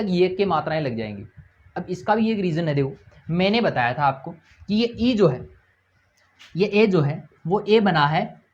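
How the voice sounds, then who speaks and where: A male teacher giving a grammar lesson for exam students, asking questions and answering them himself, repeating key points and spelling out sounds slowly. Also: sits high. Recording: dull lo-fi recording.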